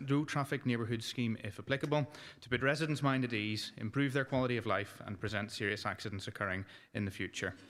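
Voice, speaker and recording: A man's voice: fairly low pitch, a bit bright. A male city councillor reading a residents' petition aloud in a formal way, with a few small stumbles. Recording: council chamber with long reverb.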